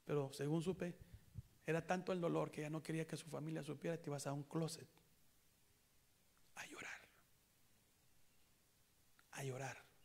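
Man, preacher, Latin American Spanish accent, gravelly voice, hushed to impassioned. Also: a little high, flat delivery, fast talker. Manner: shifts from hushed near-whispers to loud impassioned shouting. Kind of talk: sermon. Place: church sanctuary in Chicago.

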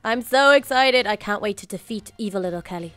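A woman's voice: medium pitch, a little fast, a bit bright, no echo, faint music behind, close to an everyday voice. A woman playing a cheerful, adventurous little girl in an improvised video game roleplay, enthusiastic and casual. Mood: excited.

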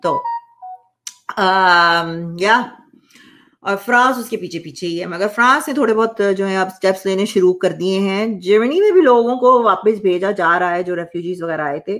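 A vlogger speaks to camera from a small home office, blunt, emphatic and coarse-spoken, offering opinionated commentary casually while mixing two languages. Her voice is medium-pitched and fairly bright at a normal speed.

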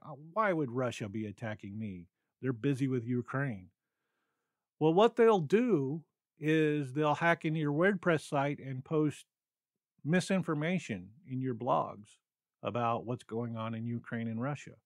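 A man's voice: mid-range voice, no echo, studio quality. A man hosting his own solo podcast, talking without a script, rambling with many ums and stammers. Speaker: podcast host. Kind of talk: unscripted solo podcast talk.

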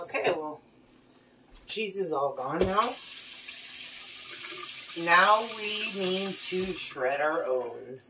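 In a home kitchen, a mom in her thirties with a low voice cooks with her daughter and chats casually, praising her again and again. The phone camera sitting on the counter captures a noisy background and clear clatter of dishes and pans.

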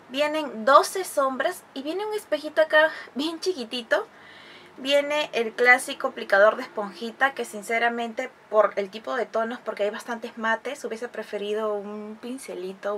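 A woman's voice: on the high side, pushed and bright, a little hiss or hum. Chatty woman reviewing makeup. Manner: chatty, explanatory, uses many diminutives. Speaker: beauty vlogger.

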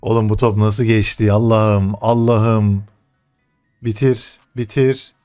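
A young man commentating his own football video game live, excitable, shouting and swearing at the game over background game music. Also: lowish voice, slow pace. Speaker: gaming streamer.

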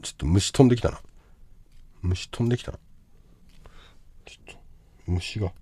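A man hosting a livestream, reading out a viewer's love troubles and impatiently insulting him to join the call, dropping to mutters and then bursting into shouts. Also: deep voice, lively intonation, moderate pace, slightly rough, dry recording. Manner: brash, insulting, impatient, swinging from mumbles to shouts. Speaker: livestream host giving advice. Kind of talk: livestream chat reading comments.

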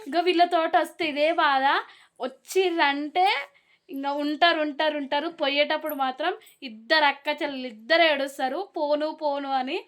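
A young woman vlogger talks straight to her viewers in a loose, chatty way. Her voice sits high and sounds bright and clear. She is recording outdoors near a road with vehicles passing. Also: fairly even intonation, normal speed. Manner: chatty, soothing a crying child. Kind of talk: casual vlog chat.

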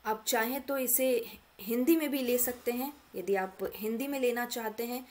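Speaking directly to her students, a woman mentor patiently demonstrates an online course portal step by step in a screen-recorded tutorial. Her voice is fairly high and moderately paced, with loud music behind it.

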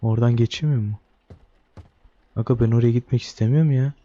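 A man's voice: medium pitch, steady tone, fairly quick, mellow, dry recording, lo-fi sound. A young man giving joking horror game commentary, talking to the baby character and reading game text aloud. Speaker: gaming YouTuber.

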